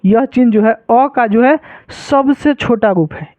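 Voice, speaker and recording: A man's voice: very high-pitched, unhurried, darkish tone, dry recording. A man teaching a lesson, repeating points and often checking that students follow. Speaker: Sanskrit teacher. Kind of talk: classroom-style lesson explanation. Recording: dry, tinny phone-like sound.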